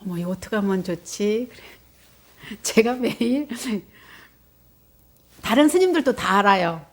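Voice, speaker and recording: A woman Buddhist nun giving a dharma talk, telling a personal story in a lively way, acting out quotes with gasps. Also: mid-range voice, unhurried. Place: meditation center.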